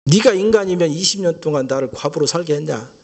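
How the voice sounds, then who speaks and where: A bitter abandoned wife hurls sharp, raised rebukes at her husband, acted out by a man. Her voice sits high and fierce, scolding rather than crying. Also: lively intonation, fast talker. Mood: furious. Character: furious abandoned wife, middle-aged woman, bitter.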